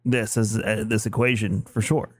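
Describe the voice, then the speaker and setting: A man's voice: lowish voice, little pitch movement, moderate pace, husky, dry recording. A man co-hosting a casual gaming podcast, rambling with many restarts and frequent laughs. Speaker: podcast co-host. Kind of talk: casual chat.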